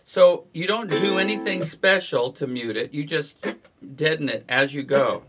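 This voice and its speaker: A man's voice: fairly high pitch, a little slow. Man teaching guitar over strumming. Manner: counts beats aloud while strumming. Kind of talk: relaxed instructional talk. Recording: guitar playing behind the voice.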